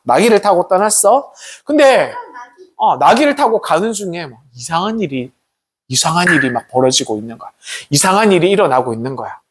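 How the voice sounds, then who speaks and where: A man preaching a lively story sermon to students, often asking them questions. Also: on the high side, a little fast, husky. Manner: animated storytelling with questions to the audience. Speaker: pastor.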